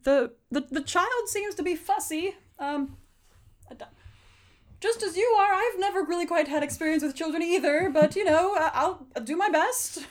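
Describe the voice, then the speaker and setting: A woman's voice: very high-pitched, moderate pace, voice pushed up. Woman doing a stammering, nervous man. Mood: flustered. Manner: stammering, hesitant. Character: nervous, awkward man watching a baby.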